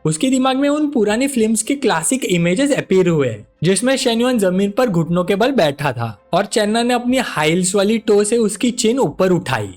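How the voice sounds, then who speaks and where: A male narrator telling a comic story recap in a high, very lively voice. His delivery is smooth and animated, with faint music underneath. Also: normal speed, hardly any pauses.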